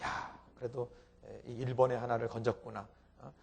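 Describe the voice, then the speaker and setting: A middle-aged male pastor telling a story in a sermon, with sudden loud exclaimed peaks. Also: mid-range voice, little pitch movement, moderate pace, vocal fry, breathy edge.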